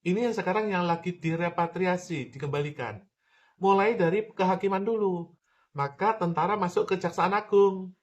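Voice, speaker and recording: A man's voice: sits high, normal speed, highs cut off. A man giving a political commentary monologue, emphatic, repeating his points and addressing the listener directly.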